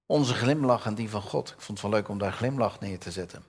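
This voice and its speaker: A man's voice: on the low side, a little fast, husky. An older man preaching a conversational sermon, reading Bible verses aloud and asking his listeners questions. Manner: conversational, asks the audience questions; reads scripture with raised voice.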